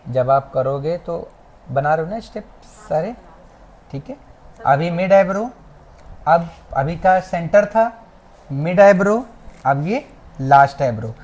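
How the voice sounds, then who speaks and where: Soft-spoken massage instructor coaching a class. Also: medium pitch, lively intonation, slow, pauses often. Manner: soft, repetitive coaching cues; checks in with frequent asides. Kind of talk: hands-on demonstration class. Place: training academy classroom.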